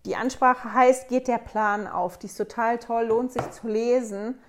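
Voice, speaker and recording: A woman's voice: fairly high pitch, fairly even intonation, a little slow, a little hiss or hum. A woman hosting a casual scripture study, thinking aloud and retelling a story conversationally. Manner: conversational, wonders aloud, acts out quotes. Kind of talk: casual Bible study talk.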